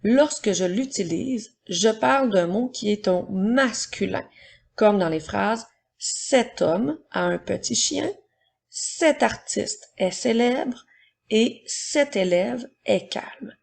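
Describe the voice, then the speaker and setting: Patient woman teacher with a gravelly voice. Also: medium pitch, animated. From Quebec, Canada. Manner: slow, patient, explaining step by step to young pupils. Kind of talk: recorded spelling and dictation lesson for children.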